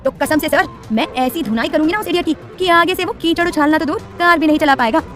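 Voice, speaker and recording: A woman's voice: high-pitched, quick pace, fairly bright tone, soft background music, voice pushed up. A woman voicing a hot-headed young woman college student who talks brashly and dramatically, with slang. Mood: flustered.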